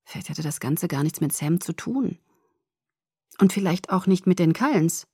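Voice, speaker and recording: A woman's voice: on the low side, animated, normal speed, a little mellow, husky, no room sound, clean studio sound. A woman narrating a novel in the first person, reading with emotional expression. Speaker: audiobook narrator.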